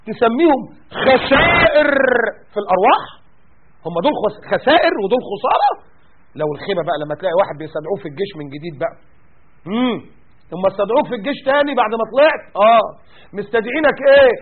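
A man preaching in an Egyptian accent, animated and mocking, firing off rhetorical questions. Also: high-pitched, slightly rough, phone-quality sound. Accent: Egyptian Arabic. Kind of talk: sermon.

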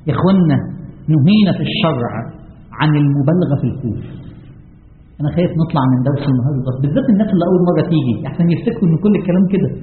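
Animated Egyptian preacher in an echoey hall. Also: male voice, fairly high pitch. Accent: Egyptian Arabic. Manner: animated, rising to emphatic peaks, slow chanted recitation. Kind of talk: mosque lesson sermon. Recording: echoey hall, lo-fi phone-like sound.

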